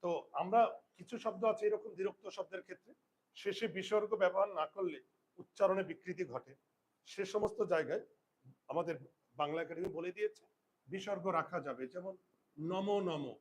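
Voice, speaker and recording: A male teacher giving a spelling lesson, slowly dictating rules and checking that his students follow. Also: high-pitched, low-quality recording. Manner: asks students checking questions. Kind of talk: Bengali grammar lesson.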